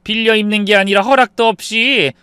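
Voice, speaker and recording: A man putting on a shrill outraged old mother-in-law. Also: steady tone, a little fast, bright, forceful tone, clear, resonant tone, no echo. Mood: bitter. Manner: shrill protesting outbursts. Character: indignant older mother-in-law, sharp and wounded.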